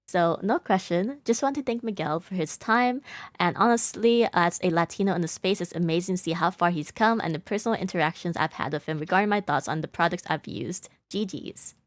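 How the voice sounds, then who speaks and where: A woman with a lowish voice co-hosts a livestream, upbeat and quick to laugh as she reads out viewer questions from chat and makes announcements. The audio has no room sound.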